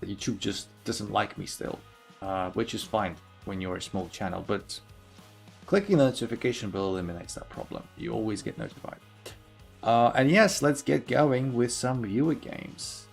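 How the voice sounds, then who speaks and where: A young man from Belarus talks to his chess stream audience through a desk mic, his voice gravelly with a little fry at the bottom. He keeps up an easy back-and-forth with the chat. Soft music plays faintly underneath. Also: on the low side, moderate pace. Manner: chatty, reads and answers chat aloud. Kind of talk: casual live-stream chat.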